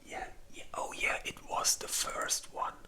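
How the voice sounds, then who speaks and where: An ASMR creator whispers the whole time, breathy and very bright with an airy edge. Her talk is unhurried, informal, and rambling, like a casual chat with loose, unpolished wording.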